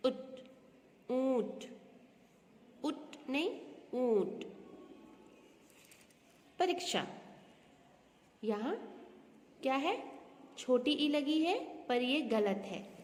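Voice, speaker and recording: A woman teaches a grammar lesson, speaking very slowly and repeating each word aloud. She keeps asking what the correct form is. Her slightly high voice rings with long reverb, and a faint hiss sits under it. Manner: slow, drilling words aloud with repeated questions. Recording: echoey room with long reverb, faint noise.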